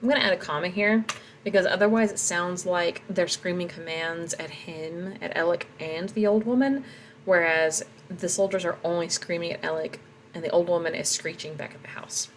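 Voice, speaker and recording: A woman's voice: fairly low pitch, fairly even intonation, normal speed, slight background noise, poor audio. A woman reading her own story aloud and reflectively talking through her edits.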